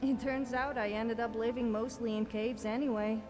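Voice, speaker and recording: Sofia, cheeky higher-voiced adventurer voiced by a woman. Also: steady tone, normal speed, a little mellow, natural voice. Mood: boastful, wry. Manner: cheeky, self-satisfied, dry. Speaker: video game follower character. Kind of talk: scripted game dialogue. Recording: music behind voice. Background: game music.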